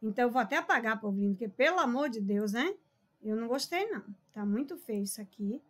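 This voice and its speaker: High-voiced chatty woman teacher in her forties. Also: expressive, fast. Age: 40s. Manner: chatty, scolding, emphatic, calls viewers "povo lindo". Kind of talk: online writing lesson.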